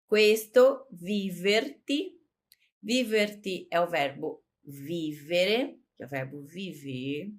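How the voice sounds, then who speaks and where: A woman teaching Italian vocabulary from song lyrics, explaining each word slowly and patiently and repeating it. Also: on the low side. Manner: slow, patient, repeats and spells out words.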